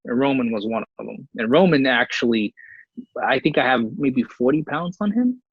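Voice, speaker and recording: A man's voice: medium pitch, lively intonation, moderate pace, slightly rough, no echo. A man co-hosting a podcast in casual conversation, easygoing and supportive, often saying "man". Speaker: podcast co-host. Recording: slightly muffled audio.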